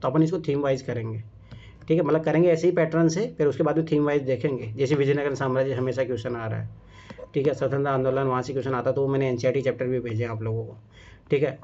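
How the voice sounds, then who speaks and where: A fast-talking man with a medium-pitched, darkish voice and a steady tone runs a casual exam-prep class. He stresses points emphatically and repeatedly asks "theek hai?" and "samajh mein aaya?" to see if students follow, captured in a dull lo-fi classroom recording.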